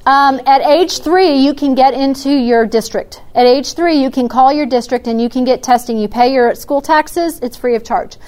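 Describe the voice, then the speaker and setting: A woman talks parents through their questions, her voice sitting a little high. She explains step by step, practical and unhurried, with frequent fillers and restarts. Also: a little mellow, smooth. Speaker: early childhood educator answering parents. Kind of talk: Q&A talk to parents.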